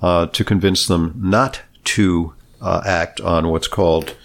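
Slightly hoarse, low-voiced male host. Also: steady tone, slow. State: slightly hoarse after screaming at a game. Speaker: podcast and radio host, doctor. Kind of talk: casual talk show chat.

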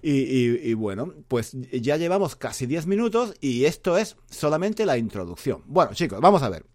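A man's voice: medium pitch, sing-song, normal speed, a little mellow. A man from Spain with a Spanish accent hosting a casual podcast lesson, rambling and repeating phrases, with many fillers and tag questions. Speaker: podcast host and Spanish teacher.

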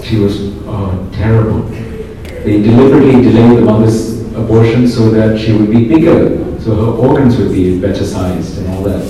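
Male friar, from Singapore, chatty lecturer who keeps asking "okay?"; warm low tone, booming roomy echo. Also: steady tone, moderate pace, a little hiss or hum. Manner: conversational, checks in with "okay?", dry jokes. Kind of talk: informal lecture to a group. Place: large room in a pilgrim house. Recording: very echoey hall, distant mic.

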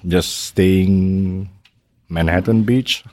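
A man from Malaysia with a very low, deep voice speaks in a measured, conversational way. He often pauses to find his words and tags his sentences with "right?". The recording is dry and close, with little room sound. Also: fairly even intonation, darkish tone, dry recording. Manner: measured, uses fillers like "how you say" and "right?". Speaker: guest, maritime safety executive. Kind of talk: conversational interview.

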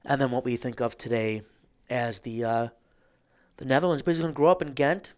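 A man's voice: medium pitch, fairly quick, clear, resonant tone. A man in a casual history chat, explaining things and tossing in joking asides.

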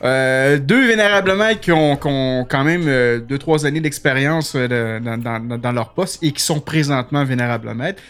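A man with a Québécois French accent hosting a casual radio chat, animated and full of fillers. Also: medium pitch, normal speed, few pauses, clean tone. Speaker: podcast host.

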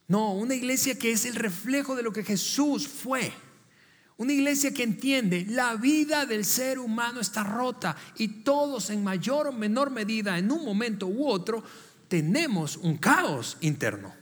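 A man's voice: sits high, a bit bright, in a large hall. A man preaching a sermon as pastor, speaking conversationally, asking the congregation direct questions and often repeating and restarting words.

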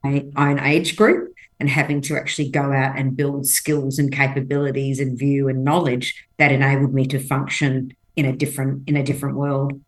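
A woman with a very deep, level voice speaks at a normal speed with few pauses, and the recording is rough. English isn't her first language; as a podcast guest in a conversational interview, she tells personal stories emphatically and acts out the quotes.

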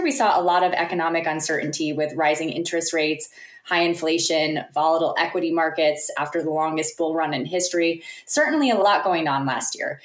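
A woman hosting a podcast interview in a polished, businesslike way, in prepared sentences. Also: sits low. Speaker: podcast guest host and interviewer. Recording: echoey, roomy sound.

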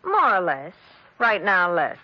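A teasing flirtatious wife. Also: female voice, fairly low pitch, huge pitch swings, unhurried, no room sound, heavily acted. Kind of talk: 1950s radio drama acting. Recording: dull old radio broadcast.

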